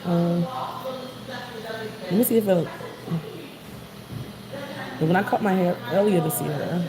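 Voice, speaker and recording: Speaking slowly in a lowish voice, a woman vlogger from Queens, New York City, chats casually with her livestream viewers from the street, rambling and greeting them in her New York accent. Music and other noise fill the background.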